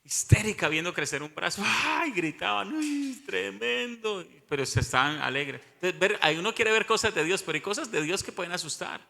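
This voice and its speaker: A man's voice: on the high side, fast talker, hardly any pauses, sharp tone, big-room sound. A male pastor, teaching a sermon and often asking the congregation questions.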